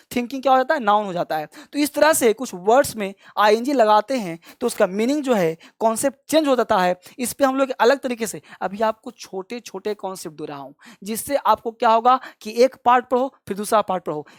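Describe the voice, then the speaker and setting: A man's voice: sits high, no room sound. A male teacher giving a classroom grammar lesson, explaining step by step and repeatedly telling students to pay close attention. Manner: addresses listeners as kids, explains step by step.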